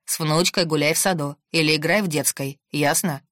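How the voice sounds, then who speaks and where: Stern man of the house in a storybook, read by a woman, low clipped commands, dry sound. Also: fairly even intonation, fairly quick, fairly bright tone, no echo. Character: stern grown-up male boss, the son.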